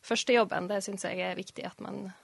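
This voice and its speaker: Young north norwegian woman chatting in an interview, bit of vocal fry, dry sound. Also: medium pitch, steady tone, no echo. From Mo i Rana, northern Norway. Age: 20s. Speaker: interview guest, local journalist. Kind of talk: casual conversational interview.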